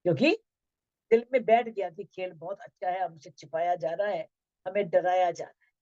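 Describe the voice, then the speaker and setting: A woman giving a devotional talk on scripture, chanting verses slowly and then explaining them in plain speech. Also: fairly low pitch, darkish tone, no room sound. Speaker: scripture teacher. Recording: dull lo-fi sound.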